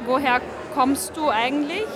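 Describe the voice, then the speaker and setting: A woman with a high voice asks curious follow-up questions as a festival radio interviewer. She stands in a crowded indoor hall. A crowd murmurs and noise runs clearly behind her. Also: unhurried. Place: large indoor event hall.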